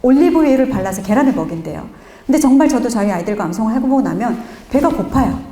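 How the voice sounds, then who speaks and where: A middle-aged woman, a pastor's wife, giving a church parenting lecture and acting out family stories with lively quoted voices. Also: a little high, fast, roomy sound. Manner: animated, acts out her child's and her own quoted lines. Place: church hall.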